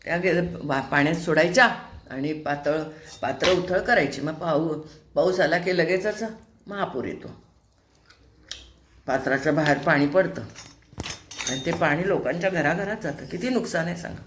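A woman's voice: low voice, moderate pace, pauses often, echoey room, background noise. An older woman, host of a home vlog, chatting casually while cooking, asking rhetorical questions and scolding in a homely way. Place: home kitchen.

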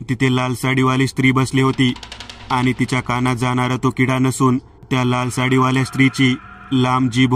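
A man reading a horror story aloud as a storyteller, voicing every part in one even tone. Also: mid-range voice, a little hiss or hum. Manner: flat, even reading of all parts. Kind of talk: scripted horror story narration. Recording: distant mic with faint music.

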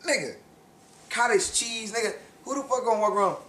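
A man's voice: high voice, brisk, pushed and bright, roomy sound, a little hiss or hum. A man joking around in a rambling comic skit, brash and profane, repeating catchphrases. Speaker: comic co-host.

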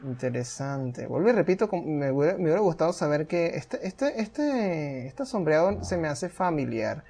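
A man's voice: a little high, moderate pace, creaky, hardly any pauses, husky. A man playing a video game at home, chatting to the characters and yelping and swearing when things get tense. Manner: excitable, yelps and swears when under pressure; chats to the game characters and reads their lines aloud. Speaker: gaming channel host. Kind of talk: casual let's play commentary.

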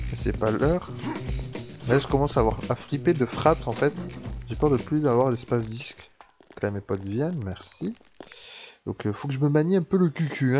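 Chatty swearing French let's-play man. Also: mid-range voice. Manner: chatty, swears a lot, thinks aloud. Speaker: gameplay commentator. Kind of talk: casual let's-play commentary. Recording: dull lo-fi sound with faint background ambience.

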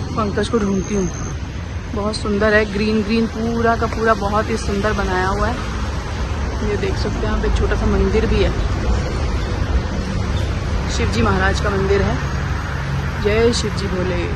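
A middle-aged woman chatting upbeat to viewers in a casual travel vlog, filmed outdoors on a phone held at arm's length. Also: mid-range voice. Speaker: vlogger. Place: outdoors on a highway and in a garden restaurant. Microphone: handheld phone at arm's length. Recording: loud wind and traffic noise. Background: traffic and wind.

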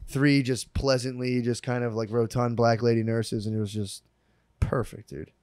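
A man's voice: medium pitch, flat delivery, normal speed, darkish tone, no echo, clean studio sound. A man in his thirties co-hosting a podcast, telling loose, profane stories in casual comedic banter. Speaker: podcast co-host.

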